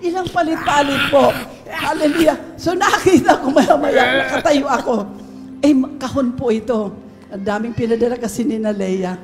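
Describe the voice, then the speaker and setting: A woman giving a lively, laughing testimony in a church service, mixing English into her Tagalog. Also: sits high, moderate pace. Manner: animated storyteller, laughs often, mixes English into Tagalog. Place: church sanctuary. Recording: long reverb of a church hall.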